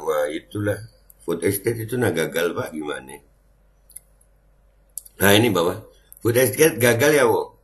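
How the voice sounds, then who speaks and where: Man, middle-aged, low voice, mocking casual host banter. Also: fairly bright tone. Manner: mocking, chatty banter with the audience. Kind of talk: casual reaction commentary.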